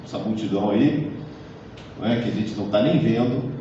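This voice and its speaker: A man's voice: fairly low pitch, a little fast, warm tone, a little hiss or hum. Man, live lecture, conversational with tag questions, distant from the mic, very echoey hall, dull recording. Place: lecture hall of a community center.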